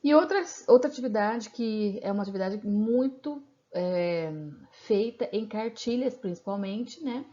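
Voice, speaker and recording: This is a slightly dull, lo-fi recording of a video lecture. A woman teacher with a Brazilian accent talks through a lesson with patience, frequently adding small tag questions to check in. Her voice sits at medium pitch, mellow and measured in pace.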